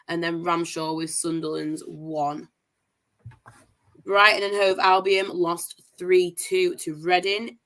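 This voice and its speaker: A young woman from Manchester, England with a posh-sounding voice on the low side and a fairly bright tone rattles off football scores enthusiastically. She hosts a women's football review show in a casual livestream results roundup.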